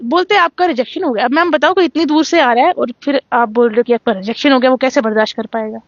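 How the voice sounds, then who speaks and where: A young woman from Jammu, a singer being interviewed, telling her story in a lively way and acting out what the judges said. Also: high voice, fast talker, dry recording, muffled recording. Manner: animated storytelling, acts out quoted judges. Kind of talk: casual interview.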